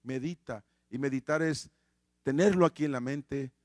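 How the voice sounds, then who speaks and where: A man's voice: mid-range voice, moderate pace, dry recording, studio quality. A man preaching a sermon, repeating key phrases for emphasis and often restarting words.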